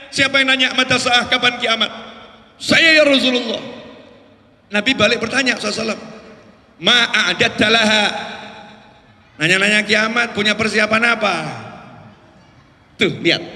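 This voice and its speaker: A male preacher giving a lively, casual sermon, telling stories and acting out their voices. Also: high-pitched. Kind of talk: lively religious sermon storytelling. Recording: roomy hall reverb.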